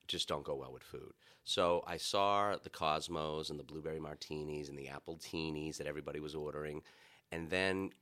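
A man with a Boston accent chatting casually as a guest about making flavored vodka, relaxed and unhurried with many fillers. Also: very deep voice. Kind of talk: casual chat.

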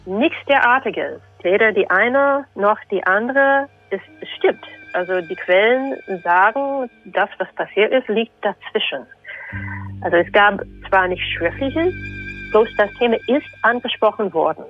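A woman's voice: mid-range voice, lively intonation, unhurried, muffled recording, soft background music. A woman historian answering in an interview excerpt, explaining emphatically.

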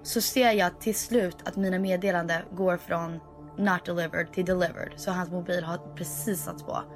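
Young woman, animated storyteller, casual chat, code-switching, faint music bed. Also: fairly low pitch. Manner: animated storytelling mixing Swedish and English.

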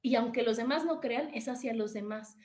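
A woman's voice: fairly high pitch, moderate pace, a little mellow. A middle-aged woman with a Mexican accent, hosting a casual motivational live stream, chatting directly with her viewers and reading out their comments.

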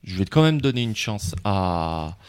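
A man's voice: low-pitched, very animated, unhurried, clean tone, no echo, studio quality. Joking man running a podcast quiz. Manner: loose, joking, filler-heavy. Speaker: podcast host and quiz master. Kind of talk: casual podcast chat.

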